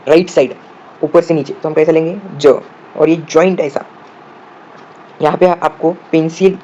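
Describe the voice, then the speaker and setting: A man explains shorthand step by step, asking the viewer questions and answering them himself, sometimes spelling words out slowly. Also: a little high, dark tone. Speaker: shorthand teacher. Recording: dull lo-fi audio with faint room noise.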